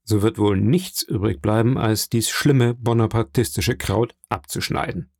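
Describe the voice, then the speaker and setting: A man's voice: fairly low pitch, a little slow, creaky, a little mellow, no room sound, clean studio sound. A man voicing a young, ambitious royal prosecutor who speaks formally and courteously. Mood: earnest.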